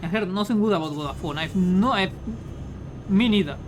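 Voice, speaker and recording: Talking a bit quickly at medium pitch, this woman from Spain chats crudely and jokingly while gaming on stream, her Spanish accent clear. She rambles into a pop-filtered studio microphone, and the low-quality recording picks up slight background noise.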